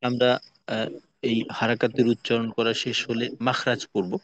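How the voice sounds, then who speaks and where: A man teaching Quran reading in an online class, spelling out Arabic letters one by one and repeating each sound slowly for his students. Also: medium pitch, completely flat delivery, fairly bright tone, no echo.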